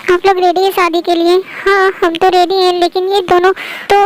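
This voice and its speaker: A woman's voice: very high voice, level tone, normal speed, a little hiss or hum, low-quality recording. A woman voicing a polite, fussing middle-aged mother who welcomes guests. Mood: cheerful.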